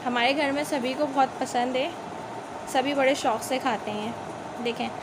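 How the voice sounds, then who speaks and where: This is a recipe voice-over from a home cooking channel: a woman from Pakistan, high-pitched and steady at a moderate pace, chats homely instructions to her viewers in her kitchen, saying "see" again and again. The noisy recording comes from a phone or camera looking down on the countertop.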